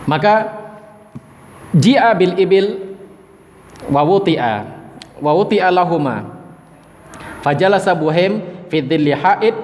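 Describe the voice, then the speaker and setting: High-voiced man preaching in a reverberant hall. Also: animated, slow pace, long pauses, a little mellow. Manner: retells a story, reading Arabic lines then explaining them. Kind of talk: sermon-style Islamic study lecture. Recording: lecture hall with long reverb.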